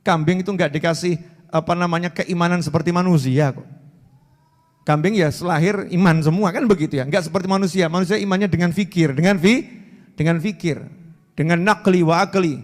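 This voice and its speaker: A preacher in his forties gives a religious lecture with lively storytelling. His voice sits high. It rings out with the long reverb of a hall. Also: brisk. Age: 40s. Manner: lively storytelling, acts out exclamations.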